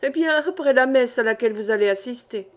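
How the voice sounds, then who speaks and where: A kindly older village priest from a classic novel, read by a woman. He speaks in a measured, patient way with a mild questioning lilt. The voice sits fairly high. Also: close to an everyday voice. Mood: calm.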